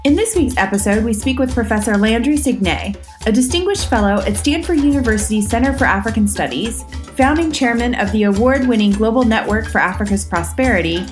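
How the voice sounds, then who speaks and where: A woman hosting a podcast, reading news items and then interviewing a guest in a measured, articulate way. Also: on the high side, animated, faint music behind. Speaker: podcast host.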